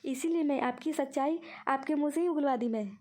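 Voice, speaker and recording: A woman's voice: high-pitched, fairly quick, darkish tone, natural voice. A woman voicing a scheming younger friend who coaxes and tricks in a cartoon. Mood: explaining. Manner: coaxing, sweetly persuasive. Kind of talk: cartoon voice acting.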